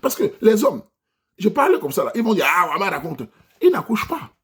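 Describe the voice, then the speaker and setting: A man's voice: high voice, wildly swooping pitch, a little fast, slightly rough. A man from Cameroon with a Cameroonian French accent, delivering an impassioned monologue rant as a vlogger, preaching and exhorting his listeners directly. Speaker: vlogger addressing his diaspora audience.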